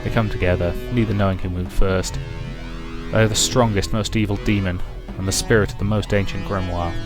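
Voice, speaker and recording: Male Let's Play reader: dramatic, measured visual novel narration, lower register, clear musical backing. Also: fairly even intonation, over music.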